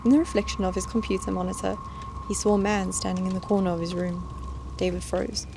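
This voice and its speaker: A woman reads scripted horror stories in a measured, suspenseful storytelling manner. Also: mid-range voice, little pitch movement, gravelly, noisy background. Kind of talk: scripted scary-story narration. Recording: music bed behind the voice.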